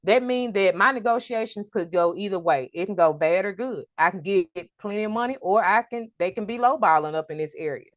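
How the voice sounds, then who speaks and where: A woman giving an online trucking business workshop, lively and preacher-like, calling out to her audience for an amen. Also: medium pitch, brisk, hardly any pauses, dry recording, dull audio. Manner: energetic, preacher-like call and response.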